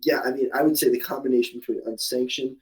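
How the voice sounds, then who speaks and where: A man's voice: medium pitch, fairly even intonation, fast, rough recording. A young man in his twenties, the guest in a casual interview, talking in long rambling answers full of restarts and fillers. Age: 20s. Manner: rambling, many restarts and fillers, laughs at himself.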